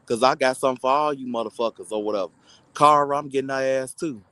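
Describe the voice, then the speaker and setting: A man's voice: medium pitch, fast talker, pushed and bright, no room sound, poor audio. A content creator, a man, delivering a heated, insulting, mocking rant to his online audience.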